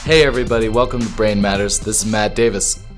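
Very low-voiced man hosting a casual podcast. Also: fairly even intonation, fast, faint music behind. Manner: informal, explains science in everyday words. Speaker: podcast host. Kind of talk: casual chat and explanation.

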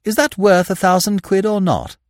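A man voicing an excitable, chattering young upper-class Englishman in a storybook reading. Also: normal speed, no room sound, studio quality, natural voice. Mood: excited. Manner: eager, chattering, high-spirited.

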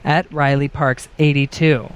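A man's voice: on the high side, little pitch movement, a little slow, clear, resonant tone, lo-fi sound. A man hosting a TV after show, bantering playfully with his co-hosts. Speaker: host. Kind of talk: casual chat on an after show.

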